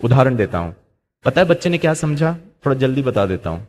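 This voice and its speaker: A man's voice: medium pitch, very animated, quick pace, a little mellow. A middle-aged man giving a motivational talk. He slips English into Hindi, asks rhetorical questions and acts out the voices in his stories. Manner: acts out quoted voices while telling stories. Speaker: spiritual speaker.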